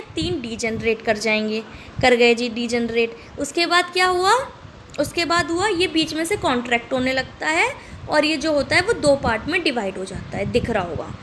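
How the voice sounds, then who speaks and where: A woman's voice: high voice, bright, forceful tone, a little hiss or hum. A woman teaching a class who keeps asking her students questions and answering them herself. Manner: repeats questions back to students. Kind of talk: lecture.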